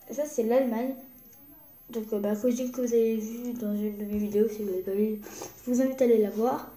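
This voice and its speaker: A young woman from France chatting excitedly in a casual show-and-tell vlog, often dropping into whispers. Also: fairly high pitch. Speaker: vlogger. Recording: echoey room.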